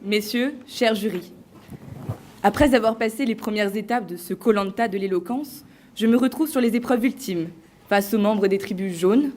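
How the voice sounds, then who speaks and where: A woman on stage delivering a prepared competition speech to a live audience, theatrical and playful, with deliberate pauses. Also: mid-range voice, a little mellow. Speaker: eloquence contest finalist.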